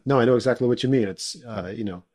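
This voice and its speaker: A man hosting a podcast interview, a bass player himself, prompting his guest with friendly questions. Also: quick pace, a little mellow.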